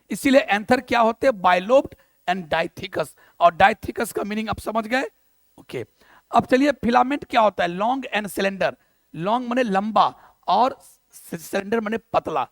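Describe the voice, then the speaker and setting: A male biology teacher with a Bihari Hindi accent lectures in a high, gravelly voice. He keeps quizzing the class and answering himself, and his English terms fall in among the Hindi. The sound is dry and close, with no room around it. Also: fairly bright tone, dry recording. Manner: asks questions and answers them himself, mixing English terms. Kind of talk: classroom lecture on a mind map.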